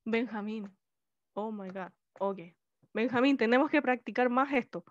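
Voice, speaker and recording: A woman teacher with a Chilean accent and a shrill voice, giving a lively online class and often checking in with her students. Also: a little slow, no room sound. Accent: Chilean Spanish. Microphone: video call. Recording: slightly muffled video-call audio.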